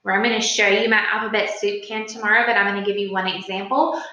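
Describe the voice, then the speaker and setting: Bright-voiced woman teacher in an echoey room. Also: medium pitch, steady tone, fast talker. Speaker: early-grade teacher. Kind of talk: informal instructional video lesson for young children. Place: indoor room at a smartboard. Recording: very echoey room, slightly distant mic.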